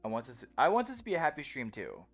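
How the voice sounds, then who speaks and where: A man's voice: mid-range voice, wildly swooping pitch, fast talker. A man chatting casually as a livestreamer, rambling on and on like a self-described yapper, with music behind him.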